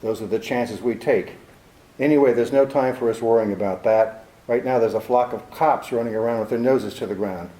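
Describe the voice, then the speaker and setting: A man's voice: mid-range voice, a little fast, dark tone, lightly acted. A man playing a cynical, tough private detective with a wry, clipped, world-weary delivery, in 1940s radio drama style, in a roomy recording.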